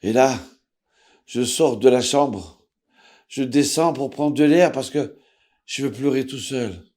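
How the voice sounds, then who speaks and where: A man, a rabbi, telling a story aloud with drama, acting out the people in it and swinging from hushed to loud. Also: medium pitch, slow. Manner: dramatic, voices characters with big swings in loudness. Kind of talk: emotional spoken storytelling.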